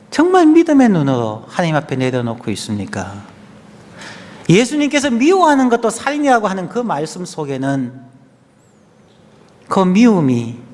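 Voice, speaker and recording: A male pastor preaching an earnest sermon in a church, swinging between strong stresses and hushed, almost whispered phrases. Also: high-pitched. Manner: earnest preaching, rising and falling between loud stress and soft near-whispers. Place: church sanctuary. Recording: long church hall reverb.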